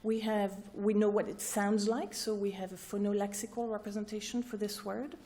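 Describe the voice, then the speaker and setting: A woman's voice: mid-range voice, level tone, moderate pace, dark tone. A woman researcher giving an academic talk to a room of listeners. She explains step by step and keeps checking in with "right?" and "okay?". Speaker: researcher presenting at a workshop. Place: lecture room with an audience.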